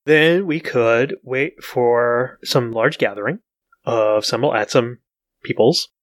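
A man's voice: mid-range voice, slow pace. A man playing a tabletop game, proposing plans with a dry, joking manner. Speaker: player. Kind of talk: casual play chat.

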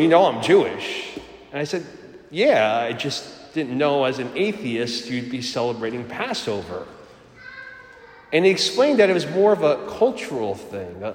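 Priest with a cathedral echo. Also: male voice, medium pitch. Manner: measured, storytelling delivery. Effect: cathedral echo, long church reverb. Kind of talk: gospel reading and homily. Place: large church. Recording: echoing church with long reverb.

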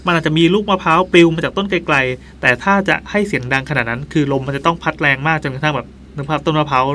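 A man's voice: fairly high pitch, fast talker, pushed and bright, slight background noise. A man hosting a podcast, reading a listener's ghost story aloud in a playful way and adding his own joking asides. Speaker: podcast host.

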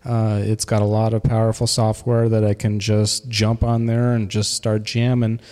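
A man giving a casual, halting demo of his music software, with a reverb effect on his voice. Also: on the low side, monotone, smooth. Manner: halting, many fillers. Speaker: music producer.

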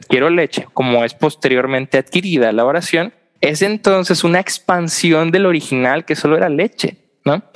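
A young man, a podcast guest and philosophy student, explaining ideas at length in a casual conversation and often checking in with tag questions. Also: a little high. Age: young adult.

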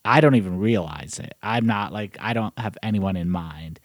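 A man's voice: lowish voice, moderate pace, no room sound, clean studio sound. A man hosting a podcast in natural, unscripted casual talk, with a probing, teasing way of talking. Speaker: podcast host.

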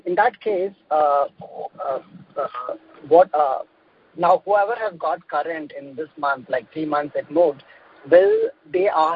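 A man calling into a radio advice show over the phone, asking his question with many hesitant pauses. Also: fairly high pitch, slightly rough. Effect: phone call heard on air. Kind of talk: call-in question. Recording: dull phone-line sound.

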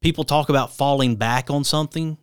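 Smooth-voiced male radio host. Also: mid-range voice, fairly quick, dry recording, clean studio sound. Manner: brief, encouraging interjections and questions. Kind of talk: interview.

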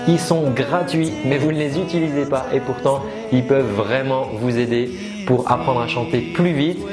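A man's voice: mid-range voice, normal speed, music in the background. A man teaching singing in a casual online lesson, explaining with many fillers and demonstrating sung notes. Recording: roomy echo.

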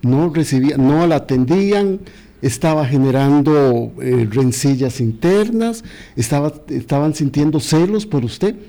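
A man interviews a guest in a mellow, dark-toned voice. He challenges her answers and fills the pauses with quick agreeing interjections. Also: on the high side. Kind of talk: interview questions and backchannel.

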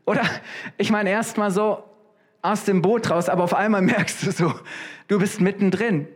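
Male preacher, casual sermon, lively, questioning the audience. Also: high-pitched, moderate pace.

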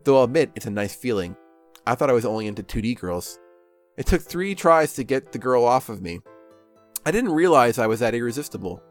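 A man's voice: medium pitch, big pitch swings, fairly quick, faint music behind. A man narrating a game playthrough in a sarcastic, self-mocking way.

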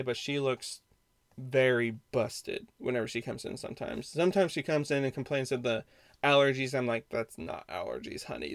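A male podcast host tells a story in a loose, rambling way, restarting sentences as he goes. His voice sits in a middle pitch. The recording is dry, with no room sound. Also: no echo. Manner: rambling, frequent restarts and self-corrections. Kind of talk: casual storytelling monologue.

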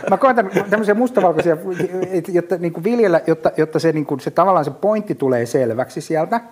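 A man's voice: a little high, husky. A middle-aged man talking casually and vividly, full of fillers and restarts. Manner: lively storyteller with many fillers and restarts. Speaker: business guest. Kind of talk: casual podcast chat.

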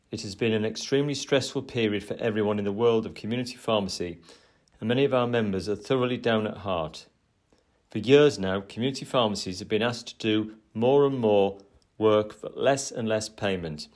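A man with a fairly low voice gives a prepared address. He sounds measured and earnest, like the chair of a professional body. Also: a little mellow. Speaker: trade association chair. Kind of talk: prepared formal speech.

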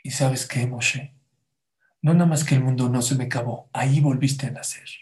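A man's voice: medium pitch, steady tone, moderate pace, a little mellow, natural voice. A man voicing a poor, wise mother who earnestly teaches her son a lesson.

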